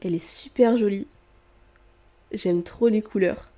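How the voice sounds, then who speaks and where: A woman's voice: mid-range voice, measured pace, warm tone. A young woman vlogging casually about books in a chatty way, full of hesitations and restarts, in a room with traffic outside. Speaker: book vlogger. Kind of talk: casual vlog chat.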